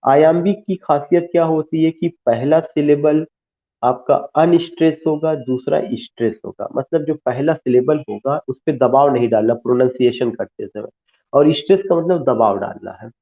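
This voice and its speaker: A man lecturing to an online class in a fairly high voice, going over each term slowly and then repeating it. He switches between Hindi and English as he explains. The audio is thin and tinny, like a phone line. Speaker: English literature teacher.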